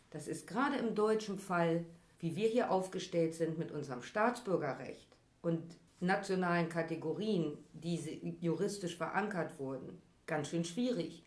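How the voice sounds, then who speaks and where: A woman speaking as an academic expert, commenting in a measured, academic way. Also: on the low side, reverberant.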